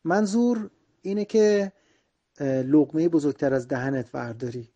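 A man whose first language is Persian teaching everyday English phrases, saying each phrase slowly and then explaining it quickly in Persian. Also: fairly high pitch, warm tone, highs cut off.

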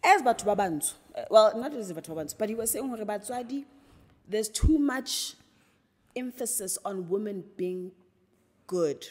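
A woman's voice: mid-range voice, expressive, normal speed, big-room sound. A woman with a South African accent, speaking earnestly as a podcast co-host and mixing English with Sesotho in casual panel talk.

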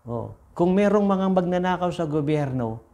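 A man's voice: high-pitched, animated, moderate pace, mellow, muffled recording. A man with a Filipino accent preaching a sermon, repeating phrases and asking the congregation rhetorical questions. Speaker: pastor.

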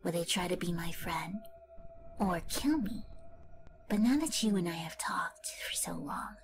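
A woman voicing a scheming, gloating evil lemon clone villainess in an online fan story, delivering a slow, menacing monologue in a whispery voice. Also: lowish voice, animated. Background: music.

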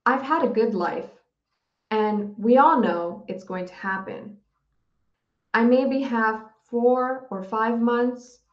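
A woman voicing a gentle, dying elderly male professor who speaks softly and calmly. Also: fairly high pitch. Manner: soft, calm, unhurried. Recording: dull, roomy recording.

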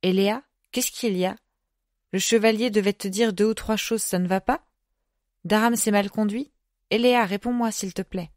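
A woman's voice: medium pitch, steady tone, a little mellow, no room sound, studio quality, lightly acted. A woman doing a bossy, spirited little girl. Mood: worried. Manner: pleading, scolding, quick. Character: spirited young girl stable hand, bossy and teasing.

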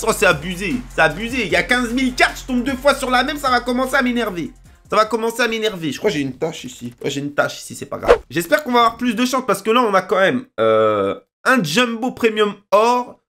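A young man commenting as he opens packs in a game, often shouting and repeating names in excitement. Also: sits high. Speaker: gaming video creator. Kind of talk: excited pack-opening commentary.

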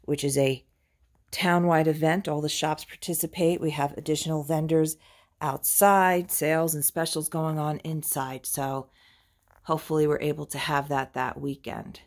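A woman whose voice sits low, with a steady tone and normal speed, chats her way through a crowded antique shop while filming on her phone. She admires the pieces in an easygoing walkthrough, her volume rising and falling as she pans.

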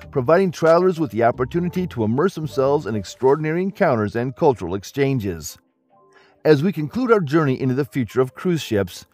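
A man reading a scripted documentary narration in a smooth, evenly paced promotional delivery. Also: mid-range voice, darkish tone. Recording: voice-over with faint background music.

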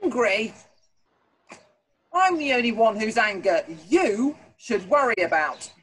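A woman's voice: fairly high pitch, sing-song, normal speed, slight background noise. A woman voicing a blustering angry storybook king. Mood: angry scornful. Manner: shouting, scornful, self-important. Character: loud, angry, boastful male king.

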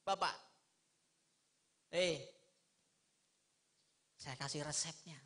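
A middle-aged man giving a lively, humorous religious lecture, asking his listeners rhetorical questions. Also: on the high side, drawn-out words. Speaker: Islamic preacher.

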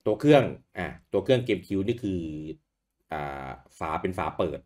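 Deep-voiced man chatting casually. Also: normal speed. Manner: relaxed, chatty, swears casually. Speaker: podcast co-host. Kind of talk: casual chat about retro games.

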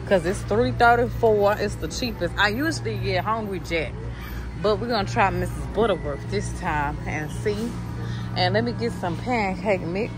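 A woman's voice: medium pitch, normal speed. A woman, filming a chatty grocery vlog while walking supermarket aisles with a handheld phone and talking to her viewers as "y'all.". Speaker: vlogger. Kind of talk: casual grocery vlog narration. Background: store background music.

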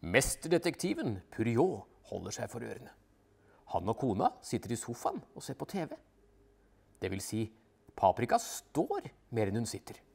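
A man narrating a children's audiobook in a lively, expressive way. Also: mid-range voice, vocal fry, husky.

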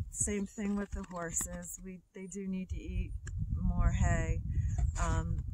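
A middle-aged woman who runs a farm, talking plainly to the camera from a snowy field, with many ums. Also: medium pitch. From upstate New York. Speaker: farm owner. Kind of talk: casual talk to camera. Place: open snowy field outdoors in winter wind. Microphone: camera at a few meters. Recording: loud wind noise outdoors.

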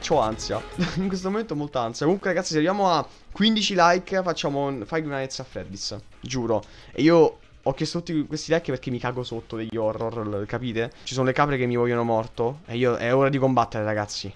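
A young man with a Roman accent, doing excitable let's-play commentary, shrieking in panic and swearing often. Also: medium pitch, brisk, faint music behind. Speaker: gaming youtuber.

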